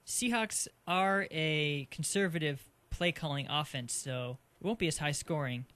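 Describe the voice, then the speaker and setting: A man from Arizona with a fairly high voice co-hosts a casual sports podcast. He is easygoing and laughs often as he chats. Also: unhurried, bright, forceful tone. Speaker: podcast co-host. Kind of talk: casual sports picks chat.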